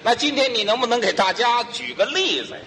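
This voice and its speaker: A man's voice: very high-pitched, sing-song, bright, forceful tone. A man as the straight man in a crosstalk routine, feeding questions and interjecting. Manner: quick interjecting, questioning feeds. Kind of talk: stage crosstalk comedy. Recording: reverberant hall, faint noise.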